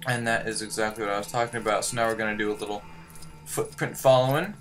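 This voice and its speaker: A man's voice: lowish voice, steady tone, quick pace, fairly bright tone. A man hosting a gaming video with casual, rambling commentary and joking asides. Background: game music.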